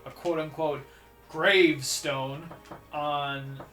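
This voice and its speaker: A young man co-hosts a game playthrough, telling stories and joking in casual chat. His voice is bright and a bit high, with a sharp edge. The mic picks up a roomy echo. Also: fairly even intonation, slow, faint music behind. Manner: joking, playful storyteller. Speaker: let's play co-host. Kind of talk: casual gaming commentary chat.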